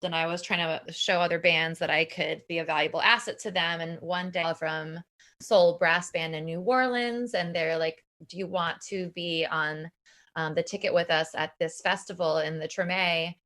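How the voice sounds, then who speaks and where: A Puerto Rican singer and bandleader in her thirties chats eagerly as a podcast guest, peppering her talk with "like" and occasionally restarting sentences. Her fairly low voice is steady in tone, pushed and bright, at a moderate pace, in a casual interview setting.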